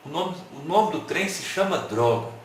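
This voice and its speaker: In a very echoey room, a male lecturer at an online talk keeps things lively, joking with his audience and tossing them questions, some rhetorical. His voice is fairly high and his pace moderate, with a bit of hiss or hum in the background, and his manner is animated and playful.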